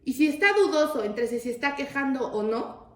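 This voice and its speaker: A woman leads a religious study session, and her voice sits high. She talks to the group as brothers and keeps it casual, peppering her teaching with rhetorical questions. The sound is roomy, with a clear echo off the walls. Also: lively intonation, moderate pace, a bit bright. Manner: addresses listeners as brothers, asks frequent rhetorical questions. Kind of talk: conversational religious lesson.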